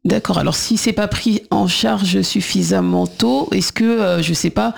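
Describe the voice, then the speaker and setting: Gravelly hesitant male radio host. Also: sits high, steady tone. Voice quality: gravelly, hesitant with many pauses. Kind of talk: radio talk show interview.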